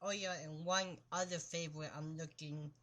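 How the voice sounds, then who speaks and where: A woman's voice: low-pitched, fairly even intonation, moderate pace, a bit bright. A woman co-hosting a casual sports talk show, making brief, simple remarks.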